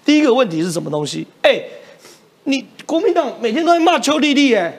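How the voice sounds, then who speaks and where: A man's voice: extremely high pitch, very animated, fairly quick. A man with a Taiwanese Mandarin accent hosting a political talk show, arguing point by point with emphatic rhetorical questions. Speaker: host.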